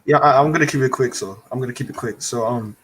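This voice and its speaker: A man's voice: medium pitch, fast, a bit bright, slightly rough, poor audio. A man calling in as a guest fan, talking with many ums and restarts over an unstable internet call. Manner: hesitant, lots of ums and restarts. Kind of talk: casual opinionated chat. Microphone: remote call with an unstable connection.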